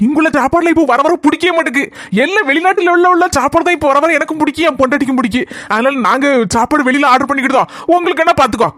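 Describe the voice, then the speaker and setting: A woman voicing a boastful, penniless husband in a comic cartoon, with a Kanyakumari Tamil accent and a teasing, smooth-talking manner. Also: high-pitched, rapid-fire, fairly bright tone, no echo, clean studio sound. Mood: scheming. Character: boastful broke husband back from abroad.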